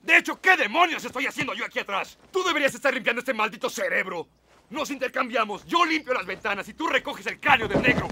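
A man's voice: on the high side, very animated, brisk, bright, forceful tone, full character voice. An actor playing a hot-tempered, exasperated male gangster in a dubbed film, biting and mocking. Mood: furious. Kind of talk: dubbed film dialogue in Spanish. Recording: film soundtrack with faint background noise.

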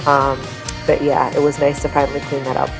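Low-voiced woman narrating home cleaning. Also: brisk, over music. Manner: chatty, practical, relaxed explaining. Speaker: cleaning vlogger. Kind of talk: casual voice-over narration.

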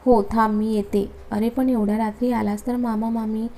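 Woman voicing a young sister, chatty, affectionate, dark mellow tone, storybook. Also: a little high, little pitch movement, normal speed, close to an everyday voice. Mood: hesitant.

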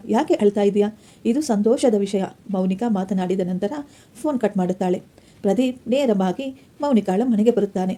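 Mellow, dark-toned woman telling a story. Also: medium pitch. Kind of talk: read-aloud moral story narration.

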